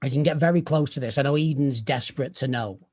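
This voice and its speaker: A man in his 30s with a mid-range voice and fast delivery performs a stand-up set over a video call. The comedian's style is dry and self-deprecating, storytelling with quiet asides.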